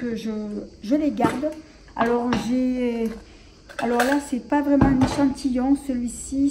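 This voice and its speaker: A woman's voice: a little high, noisy background. A woman vlogger chatting casually about her collection, hesitant and full of fillers and restarts. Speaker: beauty vlogger. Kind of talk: casual show-and-tell vlog.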